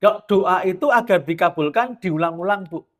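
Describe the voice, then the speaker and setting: A man with a Javanese accent preaching a lively, joking sermon to a women's gathering. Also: sits high, normal speed. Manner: lively, joking, mixes in Javascript-free Javanese asides and sung lines.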